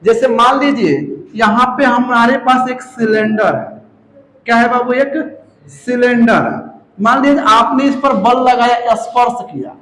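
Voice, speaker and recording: A man with a very high voice teaches a physics class in a roomy space that echoes. He speaks with a touch, keeps repeating key terms and quizzing students. He calls the students "babu". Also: a little slow, a bit bright. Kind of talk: classroom lecture. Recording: echoey room.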